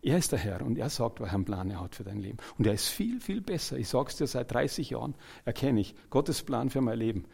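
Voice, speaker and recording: A man preaching an evangelical sermon, who swings between loud exclamations and quiet, earnest asides and jokes with the congregation as he retells scripture in everyday terms. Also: mid-range voice, fast talker, vocal fry, few pauses, husky.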